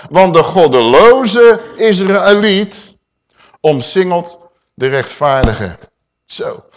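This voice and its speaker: Guy preaching, fairly high voice, goes big and loud then drops way down, keeps asking the crowd stuff. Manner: dramatic, swinging between loud declaiming and low asides; addresses listeners with rhetorical questions. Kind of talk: sermon.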